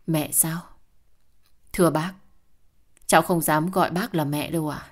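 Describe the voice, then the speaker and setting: A woman voicing a calm, defiant young mother who answers firmly and coolly in an audio story. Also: low-pitched, unhurried. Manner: firm, cool and cutting.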